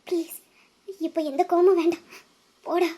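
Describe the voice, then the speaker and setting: An urgent, pleading young woman, played by a woman in an audio drama. Her voice sits very high. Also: little pitch movement, normal speed, warm tone. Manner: urgent, insistent.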